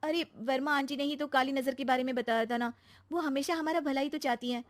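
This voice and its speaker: A woman voicing a chatty young wife in a cartoon moral story, who talks eagerly and gets upset fast. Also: natural voice. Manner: eager, talkative, high and excited.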